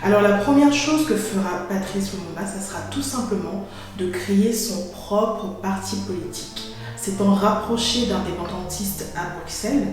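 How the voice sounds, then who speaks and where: A woman narrates a history lesson, speaking straight to her viewers and telling the story clearly. Her voice rings through a very echoey room, with soft music playing faintly underneath. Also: mid-range voice. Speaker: history explainer. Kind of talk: educational narration to camera.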